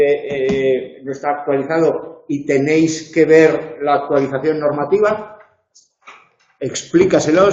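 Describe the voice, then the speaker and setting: A man with a Peninsular Spanish accent giving a university lecture, hesitant, pausing often on filler sounds and restarting phrases, in a classroom. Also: fairly high pitch, a little mellow. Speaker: university tutor. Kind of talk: spoken lecture. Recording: dull echoey room recording.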